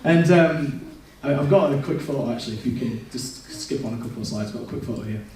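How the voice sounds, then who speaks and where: A young man gives a candid, self-deprecating personal testimony in a church at a quick pace, his medium-pitched voice mellow and full of restarts. He's a church speaker, recorded from a distant mic in an echoey church hall.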